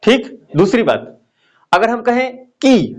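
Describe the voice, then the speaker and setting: Lively high-pitched grammar teacher. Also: male voice. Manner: explains slowly, repeats key phrases, asks students questions. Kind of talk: classroom lecture.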